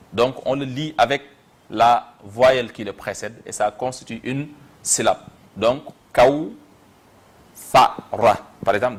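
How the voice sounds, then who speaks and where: A man with a Senegalese accent teaching Quran reading in a slow step-by-step lesson, repeating syllables aloud. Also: medium pitch.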